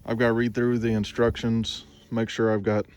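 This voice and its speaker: A man's voice: medium pitch, level tone, normal speed, a little mellow. A man filming a casual how-to vlog outdoors by his truck, rambling and correcting himself as he talks plainly about the job. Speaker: vlogger.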